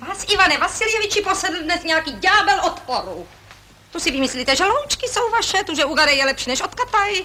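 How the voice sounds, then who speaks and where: An actress playing a proud, quarrelsome young landowner's daughter, scornful and quick to flare up, in 1960s television stage acting. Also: female voice, medium pitch, expressive, a little hiss or hum. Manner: sharp-tongued, scornful, flares up into shouting.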